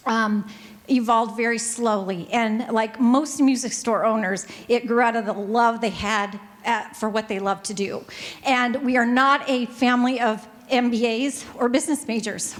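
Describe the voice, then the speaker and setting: A middle-aged woman with a Pacific Northwest American accent, speaking on a business panel into a handheld microphone in a hotel ballroom, chatty and quick, joking with the audience. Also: on the high side. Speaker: panelist, music store owner. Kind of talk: panel talk to a live audience.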